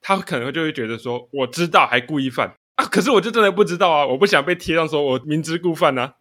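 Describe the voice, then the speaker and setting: A man's voice: a little high, expressive, fast, fairly bright tone. A man with a Taiwanese Mandarin accent, co-hosting a casual chat show and telling stories with frequent laughter. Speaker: podcast co-host.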